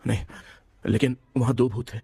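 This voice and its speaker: A man's voice: mid-range voice, little pitch movement, moderate pace, gravelly, warm tone, natural voice. An actor dubbing an anxious young man who is a devoted son and talks in an earnest, worried way. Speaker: young man haunted in dreams. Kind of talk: Hindi film dubbing.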